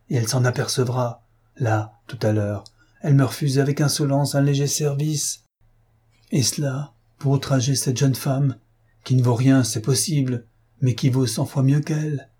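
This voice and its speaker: A man's voice: medium pitch, little pitch movement, moderate pace, warm tone, breathy edge, voice pushed up, lightly acted. A man voicing an anguished, jealous young nobleman who speaks in bitter, passionate outbursts. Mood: vengeful.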